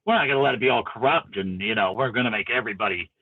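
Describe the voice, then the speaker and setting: A man's voice: lowish voice, racing, no echo, phone-quality sound. A man chatting casually on a podcast, acting out the dialogue in his stories. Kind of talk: casual storytelling chat.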